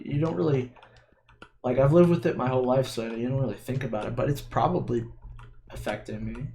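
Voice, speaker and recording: A man's voice: medium pitch, darkish tone, a little hiss or hum. A young man with a slight lisp on his S sounds, chatting casually and hesitantly while he plays a video game. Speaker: vlogger playing a video game. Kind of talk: casual rambling chat while gaming. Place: dim room at home at a computer. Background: keyboard and mouse clicking.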